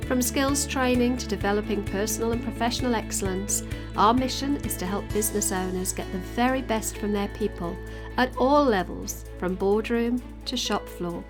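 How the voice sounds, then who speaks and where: A woman's voice: medium pitch, moderate pace, over music. A woman hosting a podcast, reading a scripted welcome and then chatting with her guests. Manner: bright and welcoming in the intro, chatty when hosting. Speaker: podcast host.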